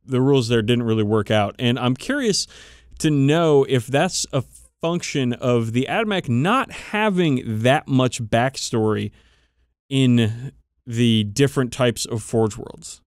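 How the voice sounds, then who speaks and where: A man co-hosting a podcast swears freely while animatedly telling stories about tabletop games in a casual chat between friends. His medium-pitched voice is unhurried and clean, in a dry, clean studio recording.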